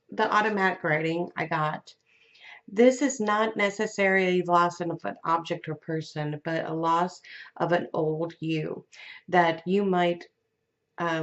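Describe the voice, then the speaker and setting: Slow, gentle woman reading tarot. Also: fairly low pitch, lo-fi sound. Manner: slow, gentle, with fillers and restarts. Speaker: tarot reader.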